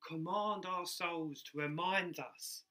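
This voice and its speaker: A man's voice: on the high side, takes it slowly. A man preaching a sermon, repeating key phrases for emphasis, with R's that come out close to W. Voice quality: soft R's pronounced close to W. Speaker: preacher in ministry.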